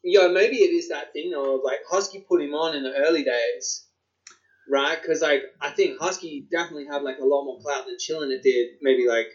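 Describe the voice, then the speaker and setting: A man with an Australian accent co-hosts a podcast, chatting casually, swearing, and throwing in plenty of slang. His voice is a little high and a little fast, and the sound is dull and lo-fi.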